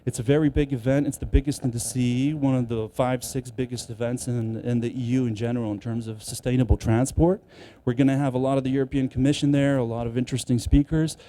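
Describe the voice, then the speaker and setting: A man giving a promotional conference speech, pausing hesitantly mid-phrase. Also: mid-range voice, steady tone, warm tone, rough recording. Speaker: conference speaker.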